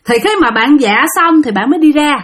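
A woman's voice: sits high, lively intonation, brisk, a bit bright. A woman with a Southern Vietnamese accent, narrating a ghost story in a chatty way and talking straight to her listeners. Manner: chatty, addresses listeners directly, acts out quotes.

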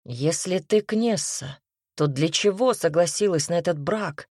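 A woman's voice: fairly low pitch, animated, a little slow, darkish tone, husky, no room sound, clean studio sound. A woman voicing a sullen young male werewolf husband who asks blunt, suspicious questions. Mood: gruff.

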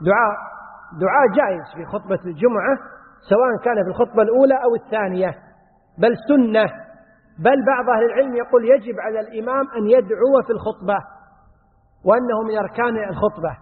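This man's voice sits high, with a long reverb tail and phone-quality sound, as he gives a religious Q&A lesson on Islamic jurisprudence. He reads each question aloud before answering it and demonstrates examples from the call to prayer in a drawn-out chant.

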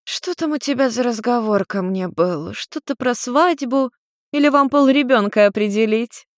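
A woman's voice: fairly high pitch, moderate pace, no echo, studio quality, pitched above the performer's own voice, natural voice. A woman voicing a middle-aged witch mother who is tipsy and teasing, drawling her words in a slurred, playful way.

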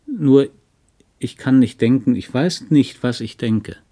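A man's voice: medium pitch, expressive, slow, warm tone, pitched above the performer's own voice. Man voicing torn young wife, hesitant, slightly raised voice, audiobook. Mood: confused. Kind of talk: audiobook reading.

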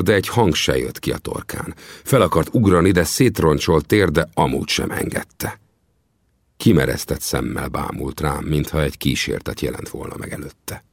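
A man reads a first-person adventure audiobook, his low voice full of gravel. His delivery swings up and down with lively storytelling. The booth sounds dry and close. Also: no room sound. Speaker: audiobook narrator.

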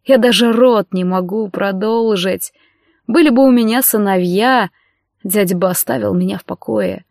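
A woman's voice: mid-range voice, moderate pace, gravelly, a little mellow, dry recording, natural voice. A despairing young nobleman, as a woman reads him, pleading in a shaky, tearful voice and flaring into bitter outbursts. The recording is dry and close, with no room around the voice. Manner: pleading, tearful, bursts into outcries. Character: young nobleman, anxious, bitter, self-pitying.

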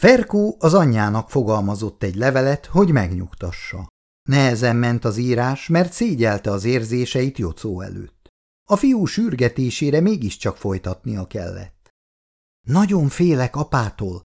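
A man's voice: medium pitch, very animated, a little mellow. A man reading a novel aloud as narrator. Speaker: audiobook reader. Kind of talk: storybook narration.

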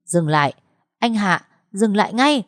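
A woman's voice: medium pitch, racing, dark tone, no room sound, studio quality, pitched above the performer's own voice, natural voice. A woman voicing a firm young sister who takes charge and gives commands.

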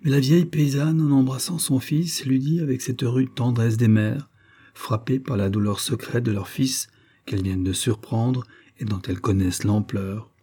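A man reading a serial novel aloud as an audiobook, with measured, expressive phrasing in short clauses. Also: medium pitch, breathy edge. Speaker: audiobook narrator.

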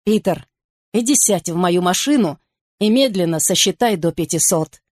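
A woman's voice: lowish voice, animated, moderate pace, a little mellow, no room sound. Woman reading a dry, weary sensible man. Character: dry, impatient level-headed man, a doctor.

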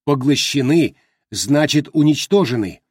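A man's voice: a little high, lively intonation, a little slow, husky, dry recording, studio quality. Man doing a musing trapped man. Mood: stubborn. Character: bewildered trapped man, thoughtful.

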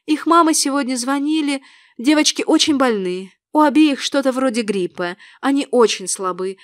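A woman's voice: high-pitched, normal speed, dry recording, studio quality, lightly acted. A woman voicing a brusque middle-aged female school nurse in a storybook reading, speaking in a curt, matter-of-fact way. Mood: sober.

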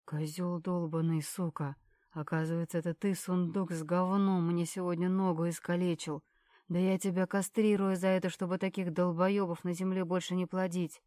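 A furious, injured middle-aged male boss spits curses at everyone around him, as a woman reader puts him on. The voice sits low and dark. The sound is close and dry. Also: flat delivery, brisk, no echo, close to an everyday voice. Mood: enraged. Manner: yelling curses.

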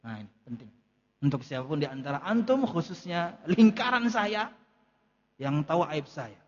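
A man's voice: on the high side, very animated, moderate pace, in a large hall, muffled recording. A man teaching a religious study lecture, reading Arabic lines and explaining them in casual, conversational speech. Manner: explains Arabic text line by line in casual Indonesian. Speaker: ustadz teaching a kitab study.

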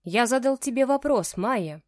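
A woman's voice: a little high, lively intonation, moderate pace, dry recording, voice pushed up, close to an everyday voice. A woman reads a stern, commanding young man in an audiobook romance. He speaks curtly, as if to his subordinates, and the voice sits dry and close. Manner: curt commanding tone.

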